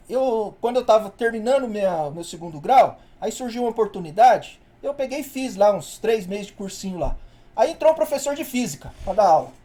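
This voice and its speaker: A male university professor telling a classroom story in casual, slangy speech, acting out what people said. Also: high voice. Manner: slangy, animated storytelling with acted-out quotes. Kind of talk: casual anecdote told in class.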